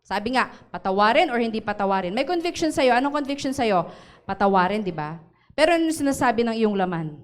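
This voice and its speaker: A woman pastor preaching at a church service, with a voice set a little high. Her tone is smooth and resonant. She keeps checking in with the congregation through quick tag questions and easy laughs, sliding between Tagalog and English. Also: very animated. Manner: switches between Tagalog and English mid-sentence. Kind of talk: sermon.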